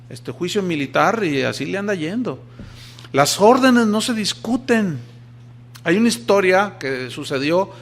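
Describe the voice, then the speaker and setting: Older male pastor in mid-sermon, somewhat high-pitched, dramatic, jumps from forceful emphasis to hushed asides. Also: a little hiss or hum. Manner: lively preacher, shifts between loud emphasis and quiet asides, acts out quoted voices.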